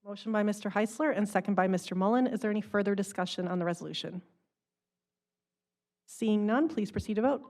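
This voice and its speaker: A woman chairing a city council meeting, calling motions and votes in a brisk procedural way. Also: mid-range voice, darkish tone. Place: council chamber.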